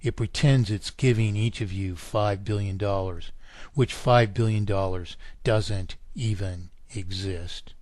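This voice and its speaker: A man lecturing at length on a radio show, emphatic and insistent, with his voice climbing high when he fires off indignant questions. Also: slow pace, a little mellow, no room sound, clean studio sound. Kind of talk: talk radio monologue.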